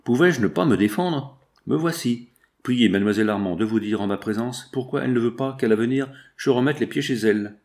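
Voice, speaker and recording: A man's voice: medium pitch, brisk, darkish tone, natural voice. A man voicing a proud, defiant young woman seamstress, pleading with passion as he reads a novel aloud. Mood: indignant. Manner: impassioned, indignant pleading.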